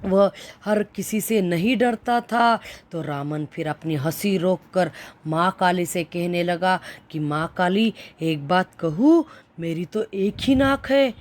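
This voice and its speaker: Woman teacher narrating for kids, very slow, repeats things in easier words. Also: lowish voice. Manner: explains by restating words with synonyms. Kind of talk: storytelling lesson for children.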